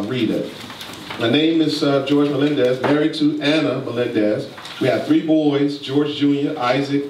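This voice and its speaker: A man pastor giving a church leadership talk, urging the congregation to answer back in a preacherly way. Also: mid-range voice. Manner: preacherly, slow emphatic asides, prompts the congregation. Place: church sanctuary. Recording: echoey church room, distant mic, noisy.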